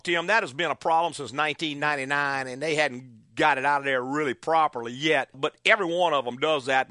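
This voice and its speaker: A man's voice: fairly high pitch, pushed and bright, dry recording, studio quality. A man hosting a car call-in radio show, giving folksy, courteous mechanical advice in a conversational way.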